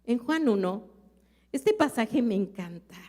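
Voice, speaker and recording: A woman's voice: on the high side, expressive, takes it slowly, warm tone. A woman pastor with a Mexican accent, preaching a sermon earnestly and asking her congregation questions. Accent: Mexican Spanish. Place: church. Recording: echoey church hall.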